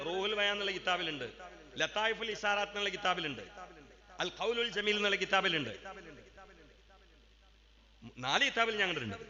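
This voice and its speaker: A man preaching at a madrasa gathering, moving between chatty asides and loud, drawn-out chanted declamation. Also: sits high. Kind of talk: Islamic sermon. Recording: dull lo-fi sound with long hall reverb.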